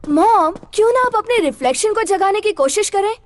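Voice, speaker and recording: A woman's voice: very high-pitched, animated, a little fast, background noise. A woman voicing an eager, clever cartoon boy. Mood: figuring out. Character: clever young boy, earnest and worried son. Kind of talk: animated cartoon dubbing.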